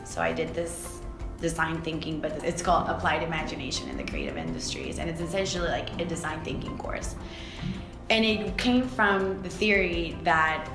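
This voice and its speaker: A young adult woman from Costa Rica, a swimwear founder, speaking candidly and reflectively in a documentary interview, with many fillers. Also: low-pitched. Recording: echoey room with music behind.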